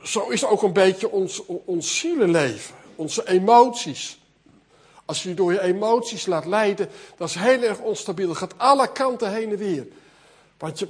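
A man's voice: high voice, slightly rough. A man preaching an earnest sermon, often repeating words as he builds a point.

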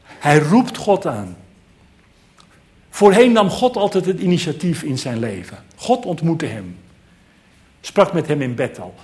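A man's voice: fairly high pitch, darkish tone. A man preaching a sermon, earnest and emphatic, repeating key phrases for weight.

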